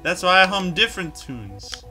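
A man hosting a let's play, cracking goofy, self-mocking jokes as he plays. His pitch swings widely from line to line, picked up close on a desk microphone. Game music runs clearly underneath his voice. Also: sing-song, normal speed. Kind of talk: casual gameplay commentary.

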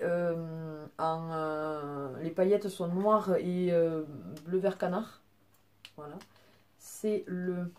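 A woman's voice: medium pitch, mellow. A young woman at home, casually showing her nail polish collection in a chatty way, full of fillers and restarts. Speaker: beauty vlogger. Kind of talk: casual product show-and-tell.

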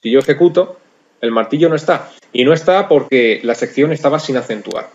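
A man narrating a software screencast tutorial in a conversational way, talking straight to his viewers. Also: mid-range voice, fairly quick, dull audio. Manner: conversational, addresses viewers directly. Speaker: software instructor.

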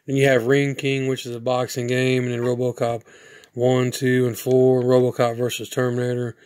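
A man with a slightly hoarse voice, casually reviewing a game cartridge in a rambling way. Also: medium pitch, normal speed, no room sound. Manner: rambling, flat delivery with restarts. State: hoarse from sinuses. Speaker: product reviewer.

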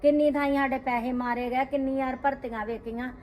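An actress playing a middle-aged sister-in-law who scolds with indignant rhetorical questions, speaking Punjabi-accented. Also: female voice, high voice, steady tone, a little fast, a little mellow, a little hiss or hum, natural voice. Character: sister-in-law defending her household, middle-aged woman. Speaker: actor in a family drama. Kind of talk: scripted short film acting.

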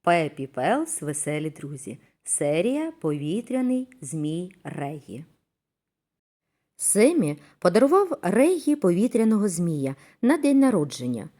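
A woman narrating a children's story in a gentle, expressive reading voice. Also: mid-range voice, moderate pace, few pauses.

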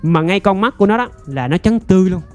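A man telling a ghost story in a casual, chatty way, with many fillers and drawn-out phrasing. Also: high-pitched, lively intonation.

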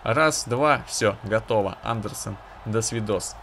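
A man's voice: fairly low pitch, unhurried, gravelly, fairly bright tone, a little hiss or hum. A man giving casual, conversational commentary on his own hockey video game, with analytical asides to viewers.

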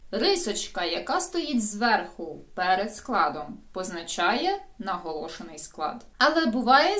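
A woman explains sounds and transcription symbols to her viewers in a video lesson. Her pitch sits mid-range but rises and falls a lot as she talks. She speaks directly to the viewer in a clear, explanatory way. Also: fairly bright tone. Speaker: English pronunciation teacher.

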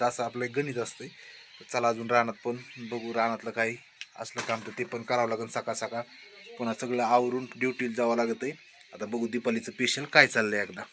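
A young man with a bright, forceful voice chats his way through a family vlog, talking to the camera and his children as he walks around his farm. He is recorded outdoors on a phone camera, with a faint hiss behind him. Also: medium pitch. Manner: chatty, talks to baby and family while walking around. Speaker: vlogger.

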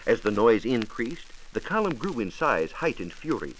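A scripted 1940s radio programme is narrated by an American science reporter, formal, precise and emphatic, on a faintly noisy transcription disc. He speaks at normal speed in a mid-range, very animated voice.

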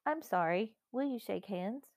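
A woman voicing an eager, take-charge eldest brother, brisk and earnest, in a storybook reading. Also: medium pitch, expressive, dry recording, clean studio sound. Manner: brisk, earnest, well-spoken.

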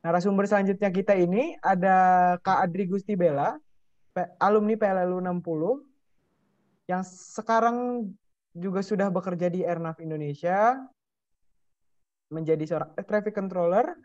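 A woman's voice: lowish voice, moderate pace, pauses often, a little mellow, no room sound. A woman moderating a webinar, politely thanking speakers and introducing the next one. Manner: polite, brief. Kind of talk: formal moderating. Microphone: video call. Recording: dry, dull call audio.

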